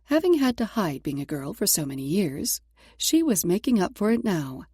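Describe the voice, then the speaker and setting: A woman's voice: lowish voice, big pitch swings, normal speed, warm tone, breathy edge, no echo, clean studio sound. A woman narrating romance fiction from a script in a sultry, intimate storytelling manner. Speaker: audiobook narrator.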